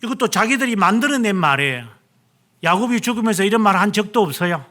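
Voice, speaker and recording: High, bright-voiced Korean pastor preaching. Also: male voice, expressive, quick pace. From South Korea. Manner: dramatic retelling with acted-out quotes. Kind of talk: sermon.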